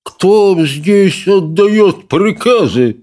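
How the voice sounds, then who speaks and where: A man reading an audiobook, voicing a fat, greedy, pompous male consul who talks in a slow, smug, chomping drawl. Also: high voice, lively intonation, darkish tone, voice pushed up, exaggerated voice.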